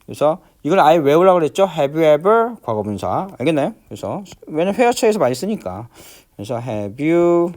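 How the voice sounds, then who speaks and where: A man teaching an English grammar lesson, walking through exercises step by step and constantly asking whether students follow, stretching out the English words slowly. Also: on the high side, very animated, darkish tone. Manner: repeats check-in questions, many fillers; slows down to spell out English words.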